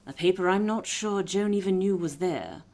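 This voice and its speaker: A woman playing a shrewd, composed aristocratic lady detective in a period mystery radio drama, measured and authoritative. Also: medium pitch, a little mellow, lightly acted. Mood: confident, explanatory. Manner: measured, authoritative, deliberate explaining.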